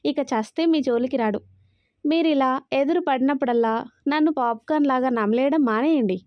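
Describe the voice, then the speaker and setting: Woman narrator doing a cheeky young guy sidekick, high voice, dry muffled audio. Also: normal speed, no room sound, natural voice. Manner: pleading, cheeky banter. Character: cheeky loyal young male assistant. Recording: dry, slightly dull recording.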